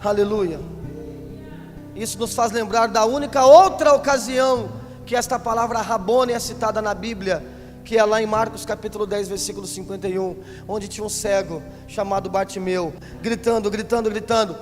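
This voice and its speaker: A pastor preaching a sermon in church, moving from quiet teaching to impassioned shouting. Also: male voice, sits high, steady tone, moderate pace. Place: large church. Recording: live church recording with long hall reverb and music.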